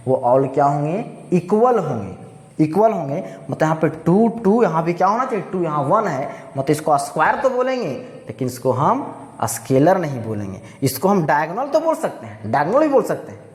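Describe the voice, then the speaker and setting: A man teaching a math lesson, who keeps asking rhetorical questions and repeating key phrases, mixing with terms. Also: fairly high pitch. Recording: echoey room with long reverb.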